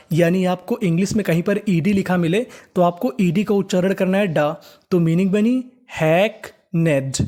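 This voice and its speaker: A male teacher gives a reading lesson in Hindi, spelling out words letter by letter and then drawing each one out slowly. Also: sits high, warm tone.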